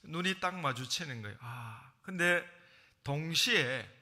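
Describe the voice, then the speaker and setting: A middle-aged man with a Gyeongsang accent preaching a sermon as pastor, telling the story with lively acted-out voices and sounds. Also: mid-range voice, moderate pace. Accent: Gyeongsang Korean.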